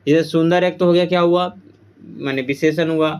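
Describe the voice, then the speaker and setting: A man's voice: on the high side, fairly even intonation, moderate pace, a little mellow, smooth. A man teaching an exam-prep Hindi grammar lesson, repeating each answer and quizzing the class. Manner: repeats answers with quiz-style questions to the class.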